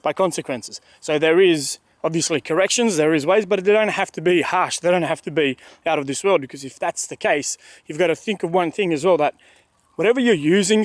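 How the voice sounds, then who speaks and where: A man's voice: sits high, no echo. A man giving casual, emphatic dog training advice, repeating his points and acting out what the dog thinks. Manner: emphatic, repeats points, acts out the dog's thoughts. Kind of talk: casual instructional talk. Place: outdoors at a dog park.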